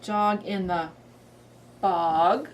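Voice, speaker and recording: A woman reading picture books aloud as if to a toddler, in an expressive, sing-song storybook way with drawn-out, emphasized words. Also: medium pitch, distant mic. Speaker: children's librarian demonstrating read-aloud books.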